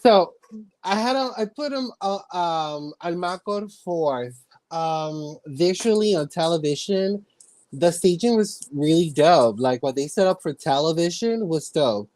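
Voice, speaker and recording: A woman from the Dominican Republic in casual chat on a video call, relaxed and hesitant with fillers. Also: fairly low pitch, a little slow, no room sound.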